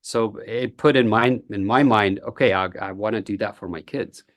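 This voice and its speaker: A low-pitched man from Egypt, speaking English as a guest on a podcast. He talks earnestly and thoughtfully, often pausing on "uh". The recording is dry and close. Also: dry recording. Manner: earnest, reflective, frequent "uh" fillers. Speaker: guest, entrepreneur. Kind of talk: podcast interview.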